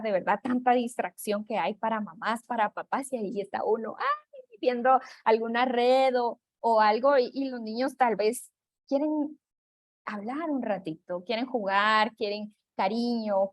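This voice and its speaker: Woman educator, fairly high voice, acts out parents in her examples. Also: normal speed. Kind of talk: talk on child attachment.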